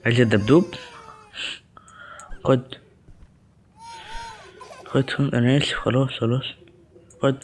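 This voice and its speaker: A young man with an Egyptian Arabic accent talks his way through a horror game, jumpy and muttering prayers under his breath. His voice sits in an ordinary middle pitch. A faint hiss runs beneath his voice. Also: fairly even intonation, a little slow, long pauses. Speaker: gaming channel host.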